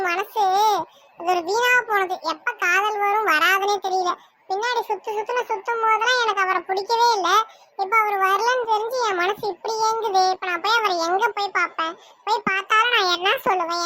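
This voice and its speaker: A woman's voice: very high-pitched, brisk, bright, forceful tone. A woman with a Tirunelveli Tamil accent voicing a shy young woman in a cartoon, musing to herself about a suitor. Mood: wistful. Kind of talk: cartoon voice acting.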